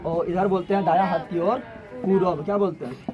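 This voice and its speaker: A male teacher, giving an animated classroom lecture and firing repeated questions at his students. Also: sits high, fairly quick, highs cut off, a crowd in the background. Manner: animated, repetitive questioning, colloquial Hindi with regional forms. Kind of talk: classroom lecture with call-and-response.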